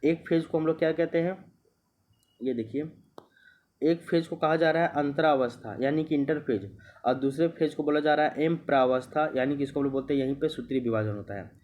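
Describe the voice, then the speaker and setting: A man's voice: a little high, brisk, darkish tone. A man teaching an exam-prep lecture, explaining step by step, repeating himself and checking that students understand. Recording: muffled lo-fi recording.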